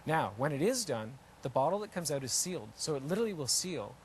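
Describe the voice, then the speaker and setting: Guy inventor doing a live demo, talks really fast, explains everything emphatically, faint noise behind. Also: fairly high pitch, sing-song. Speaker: inventor demonstrating his product. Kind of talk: unscripted live product demonstration.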